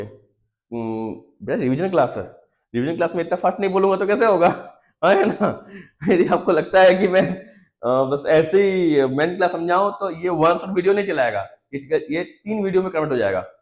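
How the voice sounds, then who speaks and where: Brisk teacher firing quiz questions. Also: male voice, on the high side, expressive. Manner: quizzing students with constant rhetorical questions; chatty, calls students "beta" and "yaar". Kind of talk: fast online revision lesson.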